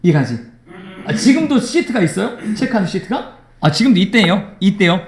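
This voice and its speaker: A man teaching an English grammar lesson in a classroom, lively and teasing with his students. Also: sits high, fairly quick.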